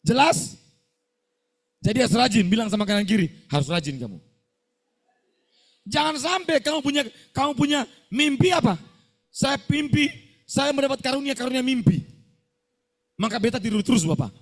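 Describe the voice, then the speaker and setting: A man's voice: extremely high pitch, expressive, normal speed, pauses often. A middle-aged male pastor, preaching a scolding sermon to students and firing call-and-response questions at them.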